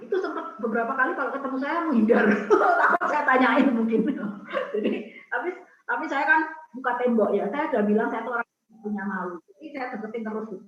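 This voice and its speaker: High-voiced woman telling stories over an echoey call. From Indonesia. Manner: lively storyteller acting out quoted voices. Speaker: speaker at a prayer community's Zoom talk. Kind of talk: storytelling talk to women's prayer group. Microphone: video call. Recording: echoey, dull video-call audio.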